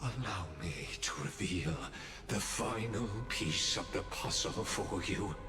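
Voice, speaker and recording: Low-voiced male villain, theatrical menace, very slow delivery, video game dialogue, echo, music behind. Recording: echoey, with loud music.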